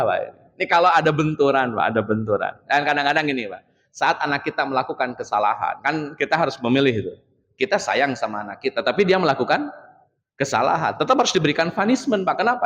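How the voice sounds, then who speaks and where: A man preaching a casual midday sermon in a mosque, animated, acting out dialogues and addressing the men as Pak. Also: on the high side. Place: mosque hall. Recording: reverberant mosque hall.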